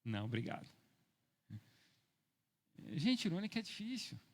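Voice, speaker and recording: Middle-aged Brazilian pastor, ironic storyteller, fairly high voice, echoing church hall. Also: male voice, big pitch swings, normal speed. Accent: Brazilian Portuguese. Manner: storytelling, ironic, swings from soft asides to loud preaching. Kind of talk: sermon. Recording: long church hall reverb.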